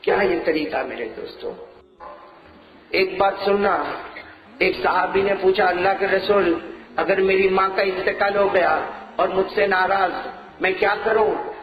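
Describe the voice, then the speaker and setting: A man preaching a sermon, telling a story and acting out its dialogue, swinging from loud calls to soft low lines and asking his listeners questions. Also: steady tone, roomy sound, far from the mic, highs cut off. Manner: asks the crowd questions and acts out dialogue.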